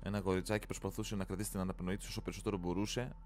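A man's voice: sits low, little pitch movement, darkish tone, a little hiss or hum. A man hosting a horror game let's play, commenting casually, swearing often and yelping when startled. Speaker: gaming channel host.

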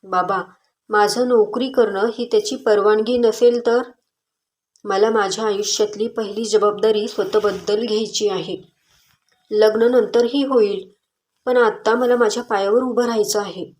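A determined young woman in a storybook, standing her ground with firm, earnest words, as a woman narrator voices her. The pitch sits in the middle range for a woman. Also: fairly even intonation, a little slow, a little mellow, lightly acted.

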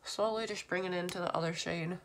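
A woman's voice: fairly low pitch, fairly even intonation, a little fast, slight background noise. A woman in her thirties with a stuffy nose from a cold, chatting casually through a makeup tutorial. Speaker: beauty vlogger. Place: small room at home.

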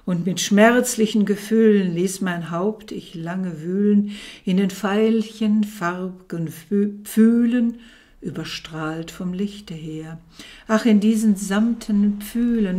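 A woman giving a theatrical poetry recitation, building to loud, impassioned outbursts. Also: medium pitch, takes it slowly.

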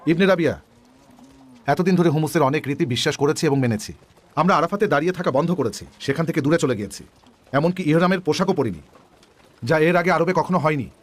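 A man's voice: a little high, fast, long pauses, lightly acted. A man playing a reflective tribesman. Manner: explaining, reflective. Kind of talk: dubbed drama dialogue.

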